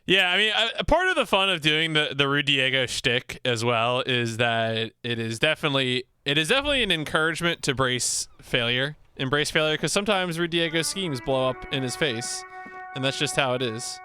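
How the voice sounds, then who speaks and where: A man's voice: fairly high pitch, expressive, fairly quick, bright, forceful tone, clear, resonant tone, soft background music. A man streaming a game and chatting casually, rambling and playful as he plays.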